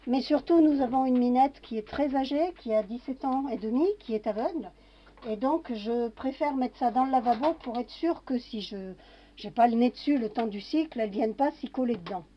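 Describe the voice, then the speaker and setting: A woman's voice: on the high side, normal speed, a little hiss or hum. A woman casually talking through a kitchen demonstration, narrating each step with little fillers. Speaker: home cooking vlogger. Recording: dull lo-fi home recording.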